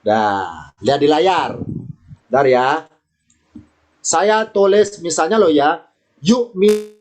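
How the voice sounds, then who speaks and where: A man's voice: a little high, a little mellow. A man teaching Quran reading in an online lesson, patient, repeating words and asking rhetorical questions. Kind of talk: online lesson with screen sharing.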